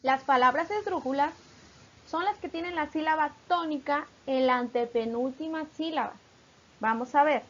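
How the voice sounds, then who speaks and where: Patient lady teacher w a high voice, drags out syllables on examples, dull muffled recording. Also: moderate pace. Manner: patient, stretches out syllables and verses when reading examples. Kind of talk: explaining poetry metrics in a lesson.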